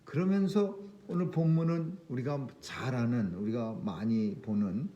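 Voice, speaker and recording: A man's voice: medium pitch, measured pace, warm tone, highs cut off. A man preaching an early-morning prayer sermon in an earnest way, pushing his key phrases up with emphasis and often restarting his sentences. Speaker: pastor.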